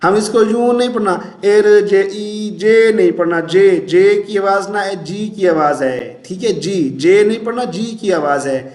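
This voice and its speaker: High-voiced man drilling recitation, echoey room. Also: expressive, a little mellow. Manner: patient, repeats syllables slowly and chants verses in drawn-out tones. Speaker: Quran recitation teacher. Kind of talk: tajweed pronunciation lesson.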